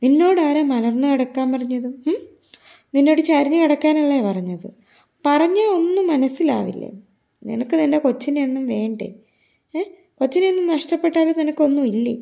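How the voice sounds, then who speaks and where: A woman recounting a stern hospital nurse, loud and berating, firing harsh questions at patients. The voice sits high with a gravelly edge and a dark, mellow tone. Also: expressive, moderate pace, pauses often. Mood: scolding.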